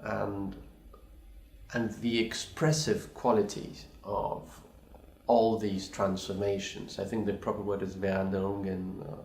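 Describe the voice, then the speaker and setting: Recording his response to a video challenge in an echoey room, this pianist, a non-native English speaker, replies thoughtfully but haltingly, often restarting and apologizing. He speaks unhurriedly in a low, level, darkish voice. Slight background noise is audible.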